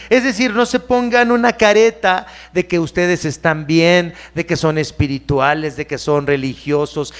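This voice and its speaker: Animated high-voiced Mexican pastor. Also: male voice. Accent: Mexican Spanish. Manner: animated, mimics churchgoers in sweet voices. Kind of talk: sermon. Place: church in Mexico City.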